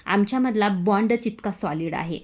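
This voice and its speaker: A woman's voice: medium pitch, moderate pace, natural voice. A woman doing a firm, suspicious young man. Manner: firm, earnest.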